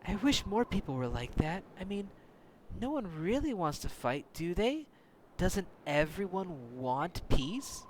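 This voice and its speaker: A man's voice: high voice, sing-song, measured pace, background noise. A man voicing an earnest young male mercenary hero, speaking sincerely and searchingly. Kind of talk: reading game dialogue aloud.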